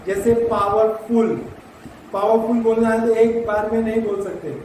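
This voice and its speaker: Slow, high-pitched teacher in an echoey room. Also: male voice, steady tone, darkish tone, recorded from a distance. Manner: slow, spells words letter by letter. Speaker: English teacher. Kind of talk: classroom grammar lesson. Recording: echoey room, faint traffic noise.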